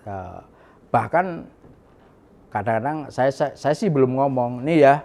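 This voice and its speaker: A man's voice: medium pitch, animated, slow pace, vocal fry. Chatty middle-aged man telling a story. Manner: chatty, repeats himself, lots of fillers and soft laughs. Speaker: guest sharing his testimony. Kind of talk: casual storytelling.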